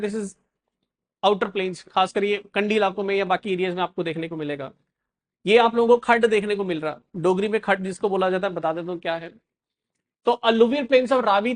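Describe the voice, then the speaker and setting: High-voiced male tutor. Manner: addresses viewers as guys, mixes English phrases in, quizzes the class. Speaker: exam coaching teacher. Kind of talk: classroom geography lecture.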